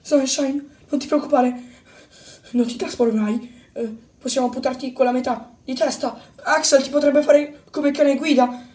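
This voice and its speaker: A woman voicing a calm adult man who speaks quietly and teases the others, in a homemade toy-brick film. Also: high voice, normal speed, natural voice. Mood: reassuring. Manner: laid-back, quiet, teasing. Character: calm joking adult man, group member. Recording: roomy, distant mic.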